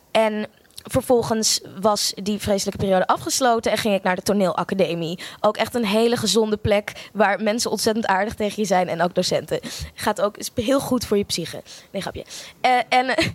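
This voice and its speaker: A young woman tells her own story with blunt candor and dry, self-mocking humor, and she swears freely. Her voice sits at an ordinary pitch and is recorded close and dry, with no room sound. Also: no room sound. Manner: frank, sardonic, swears freely. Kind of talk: personal storytelling monologue.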